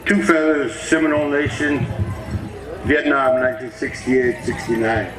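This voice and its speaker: A man's voice: mid-range voice, moderate pace. A man giving a formal self-introduction in short, clipped phrases. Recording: echoey public address, loud music behind.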